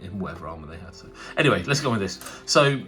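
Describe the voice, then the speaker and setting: This wargaming channel host has a cold that makes his deep voice nasal, and he talks fast in a sing-song, sharp-toned way. He's doing a casual tabletop unboxing, rambling chattily with many fillers and restarts. Faint music can be heard behind him.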